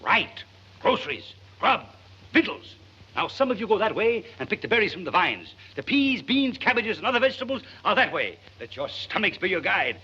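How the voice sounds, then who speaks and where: An actor playing a glib, jovial carnival leader with grand folksy speechifying in a 1940s film comedy. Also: male voice, sits high, sing-song, normal speed, pushed and bright, slightly rough, heavily acted. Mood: jovial, showy. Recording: dull old film soundtrack, music behind.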